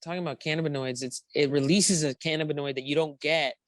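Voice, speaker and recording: A man's voice: fairly high pitch, steady tone, fast talker, no room sound, studio quality. A man co-hosting a casual podcast chat from a remote mic, rambling and trailing off mid-thought. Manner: rambling, trails off, says dude a lot. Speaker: podcast co-host. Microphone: remote call mic.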